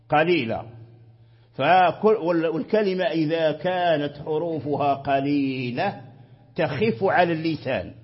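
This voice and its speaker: Man, lecturing teacher, repeats himself, slightly high voice, husky. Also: lo-fi sound. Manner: repeats phrases, checks students understand. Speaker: Quranic recitation teacher. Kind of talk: classroom lecture.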